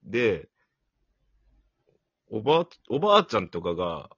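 A man's voice: fairly low pitch, wildly swooping pitch, unhurried, fairly bright tone, husky, dry recording, dull audio. A young man co-hosting a casual podcast chat, joking and laughing often. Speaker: podcast co-host.

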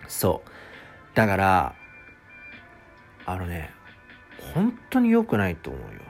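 A man's voice: low voice, huge pitch swings, slow, soft background music. A man hosting a casual solo talk show, ranting in exasperation and acting out customers' lines. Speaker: podcast host, former restaurant part-timer.

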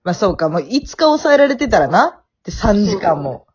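Teasing Kansai woman with a husky voice. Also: medium pitch, big pitch swings, a little mellow. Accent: Kansai Japanese. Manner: teasing, quick banter. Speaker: podcast co-host. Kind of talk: casual chat. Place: at her family home. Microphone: remote call. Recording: dull lo-fi audio.

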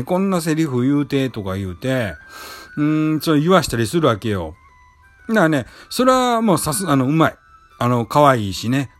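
Rambling Kansai man, lively pitch. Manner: rambling, many fillers and restarts. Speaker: podcast host. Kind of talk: casual solo talk. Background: faint background music.

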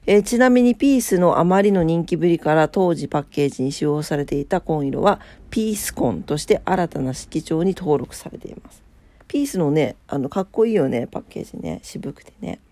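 A woman with a fairly low, dark voice speaks briskly and with animation, though her voice is nasal, stuffed-up and drowsy. Hosting a daily morning show on weather and today in history, she chats casually while reading weather and trivia notes, sounding sleepy and unpolished.

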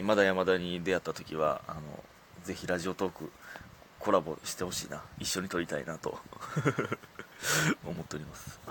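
On his solo radio talk show, a Kansai-accented comedian chats casually, self-deprecating and frequently laughing at his own anecdotes. He has a deep, somewhat bright voice, with slight background noise.

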